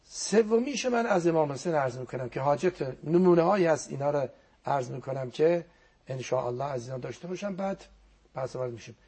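A man's voice: a little high, expressive, warm tone, slightly rough. A man giving a religious talk as a guest on a program, teaching earnestly and quoting Arabic prayers, his voice sometimes sinking to a near whisper.

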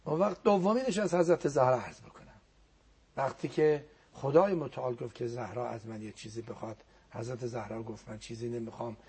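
A man's voice: medium pitch, darkish tone, breathy edge. A man giving a religious talk as a guest on a program, teaching earnestly and quoting Arabic prayers, his voice sometimes sinking to a near whisper.

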